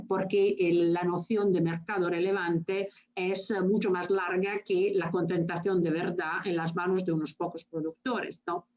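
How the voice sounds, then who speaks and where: A woman's voice: mid-range voice, a little mellow. Woman, Italian-accented Spanish, guest speaker, informal academic style, word-searching, language-mixing, muffled call audio. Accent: foreign-accented Spanish with Italian influence. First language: Italian, speaking non-native Spanish. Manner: searches for words, mixes in Italian and English. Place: remote video call.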